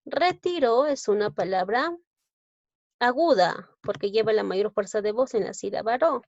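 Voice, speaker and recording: A Peruvian woman teaching grammar at an unhurried, measured pace. She walks through each point step by step and keeps checking in with her students. The sound is dull, lo-fi and dry. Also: medium pitch, a little mellow, no room sound. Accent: Peruvian Spanish. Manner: explains step by step, often checks with "¿no?" and "¿ya?". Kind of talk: slow, deliberate grammar lesson.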